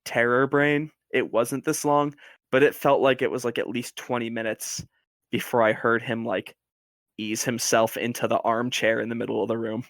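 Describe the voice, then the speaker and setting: A man guesting on a podcast, telling a story in a casual, animated way with lots of fillers. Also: medium pitch, normal speed, no echo, studio quality.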